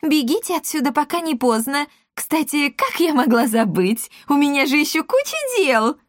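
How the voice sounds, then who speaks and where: A woman voicing a scornful matchmaker who mocks the bride's family and hurries off, in a high drawn-out voice. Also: lively intonation, no echo, studio quality. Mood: flustered. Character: shrill matchmaker woman, mocking and quick to flee.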